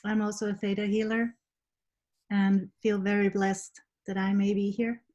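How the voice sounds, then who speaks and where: A woman from Switzerland introduces herself as a healer, earnest and grateful. Her intonation stays flat. The call audio is dull and lo-fi. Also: medium pitch, moderate pace. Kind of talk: heartfelt self-introduction. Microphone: video call.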